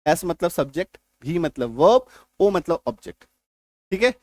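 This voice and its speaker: A man's voice: fairly high pitch, very animated, normal speed, dry recording, studio quality. A man teaching a grammar lesson, explaining step by step and often checking that his students follow. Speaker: English teacher.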